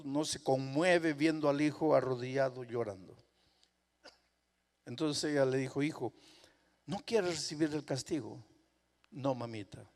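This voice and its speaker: A man preaching a sermon, telling a story and acting out its dialogue, dropping to a hush and then rising loud and urgent. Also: mid-range voice. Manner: dramatic, acts out dialogue, swings from hushed to loud. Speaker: pastor. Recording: long hall reverb.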